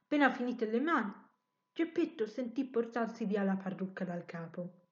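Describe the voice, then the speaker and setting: A woman reads a children's story aloud with expression, now and then correcting a slip. Her voice is fairly high. The recording is muffled and lo-fi. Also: normal speed. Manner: expressive reading with occasional self-corrections.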